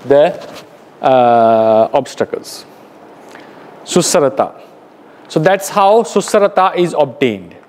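A man with a Sri Lankan accent teaching a lecture as a Buddhist monk, speaking slowly and explaining step by step, with pauses and self-corrections. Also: a little high, big-room sound, a little hiss or hum.

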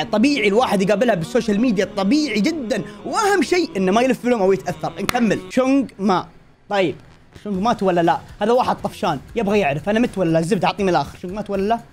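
A young Saudi man reels off his reaction commentary at a breakneck clip. His voice leaps between high and low in an excitable, joking manner. Faint music plays beneath him. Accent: Saudi Arabic. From Saudi Arabia. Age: 20s. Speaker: YouTuber reacting to videos about himself.

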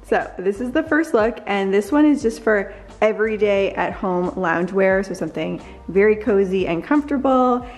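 A woman's voice: mid-range voice, expressive, normal speed. A bubbly woman in her thirties talks in an easy, gushing vlog style from her living room. Her voice sits in a middle range, and faint music plays underneath. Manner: upbeat, gushing, chatty. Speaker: lifestyle vlogger. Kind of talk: casual vlog try-on chat. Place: bright living room at home. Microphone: camera in hand and mirror selfies.

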